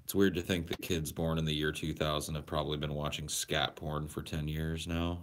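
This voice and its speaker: A young man with a very deep voice hosts a casual livestream, speaking at a normal speed with little pitch movement. He rambles crudely and answers viewers' questions aloud, recording on a portable camera or phone he carries around.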